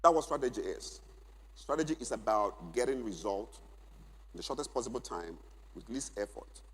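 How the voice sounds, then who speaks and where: This middle-aged conference speaker has a fairly low, husky voice with a bit of brightness, speaking animatedly at a normal pace. He teaches forcefully to a church men's conference and restates key phrases so listeners can note them, all under the long reverb of a large church hall.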